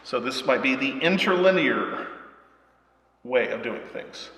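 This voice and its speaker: A man's voice: mid-range voice, lively intonation, unhurried, sharp tone. A man teaching a Bible study class at church, explaining things step by step and often checking in with "right?" and "okay?". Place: church hall. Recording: echoey hall with long reverb.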